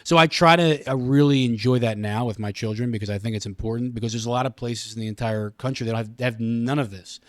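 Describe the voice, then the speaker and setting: His mid-range voice moves quickly with hardly any pauses, and there's no echo. On a podcast, this middle-aged radio station communications director from Pennsylvania, speaking with an American accent, gives earnest explanations in a casual interview while repeatedly doubling back on phrases.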